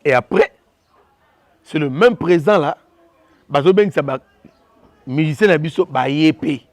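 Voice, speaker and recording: In fast, heated commentary, a Congolese man switches between French and Lingala and circles back over his points. His voice is a little high, and the recording is dry.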